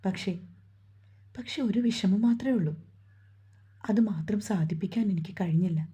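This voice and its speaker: A woman voicing a gentle, orphaned young woman who speaks softly and sorrowfully in a romantic storybook. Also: mid-range voice, normal speed, breathy edge. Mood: sad. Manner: soft, sorrowful.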